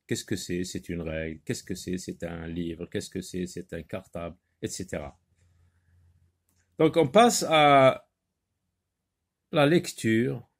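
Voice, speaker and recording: A man teaching a children's French reading lesson, slowly sounding out syllables with many hesitant fillers. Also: low voice, vocal fry, darkish tone, breathy edge.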